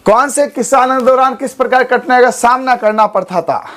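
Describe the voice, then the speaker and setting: A man teaching an exam-prep class, hoarse from a sore throat, quizzing students and repeating memory tricks. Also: very high voice, moderate pace, fairly bright tone. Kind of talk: animated online exam lesson.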